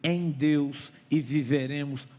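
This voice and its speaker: A man's voice: a little high, slow. A man preaching a sermon as pastor, telling stories and calling for responses from the congregation. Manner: animated storytelling with call-and-response. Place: church. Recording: echoey hall with faint noise.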